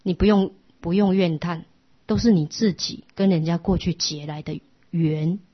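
Soft-spoken woman teaching Buddhism, lo-fi. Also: lowish voice, normal speed, breathy edge. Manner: patient, instructive, often drops to a soft hush. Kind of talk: dharma class lecture. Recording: lo-fi muffled recording.

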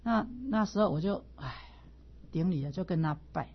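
A middle-aged woman teaching a class on classical texts, telling personal stories in an animated way and often repeating herself as she restarts. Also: on the low side, normal speed, breathy edge. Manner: animated storyteller, repeats words and stammers on restarts. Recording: dull lo-fi recording.

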